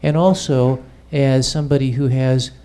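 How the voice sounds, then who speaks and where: Holding a handheld mic in a church hall, a middle-aged pastor introduces a guest speaker. His mid-range voice is dark in tone with fairly even intonation, and he takes his time, pausing with fillers.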